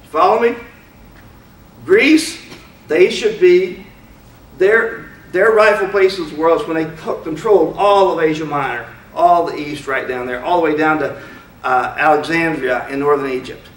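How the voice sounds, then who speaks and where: A man with a highish voice lectures informally to an audience at an unhurried pace, speaking frankly and conversationally and firing off plenty of rhetorical questions. The recording, made in a lecture room, sounds roomy with a distant mic.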